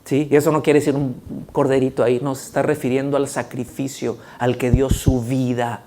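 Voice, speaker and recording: A man preaching a sermon in a church, talking to the congregation in an animated, conversational way and often checking that they follow him. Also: medium pitch, normal speed, a little hiss or hum. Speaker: pastor. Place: church sanctuary.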